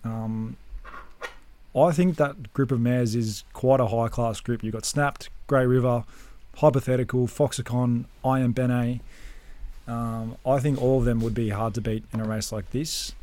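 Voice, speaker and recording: A man's voice: mid-range voice, steady tone, measured pace, darkish tone. An Australian man previewing horse races as a tipster, with confident, punchy hype in how he talks. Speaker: racing tipster, podcast host. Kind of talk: horse racing preview chat.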